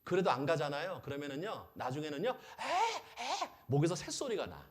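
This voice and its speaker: A man preaching as a pastor, animated, asking the audience questions and acting out little scenes. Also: fairly high pitch, fast. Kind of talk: lively sermon.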